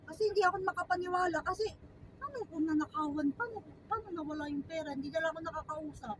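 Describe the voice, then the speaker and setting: A Filipina woman telling a story in casual chat, animated and quoting people. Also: very high-pitched, fast. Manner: animated storytelling with acted quotes. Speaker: storyteller recounting a theft. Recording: distant mic with loud road noise.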